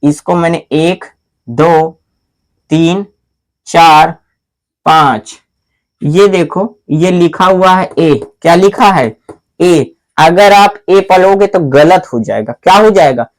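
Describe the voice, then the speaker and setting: In a classroom-style grammar lesson, a fairly high-voiced man uses repetitive call-and-response, posing questions and answering them himself. He often addresses the viewer as "my brother" and spells words slowly, one letter at a time.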